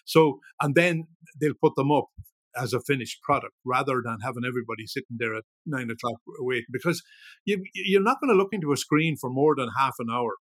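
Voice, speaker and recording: An older man around seventy with a north-west of Ireland accent chats in an interview. He rambles in a halting, repetitive way, circling back over words. The sound is dry and close, at a middling pitch. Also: a bit bright, no echo. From Ireland, grew up in Ballyshannon, County Donegal. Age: 70s. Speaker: guest, veteran musician. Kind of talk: casual reminiscing interview chat.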